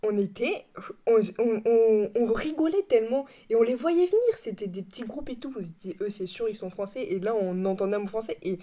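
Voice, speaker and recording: Chatty young Frenchwoman with a mellow voice. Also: fairly high pitch, animated, fairly quick. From France. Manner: chatty, rambling, laughs often, self-correcting. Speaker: podcast host. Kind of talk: casual chat. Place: home room.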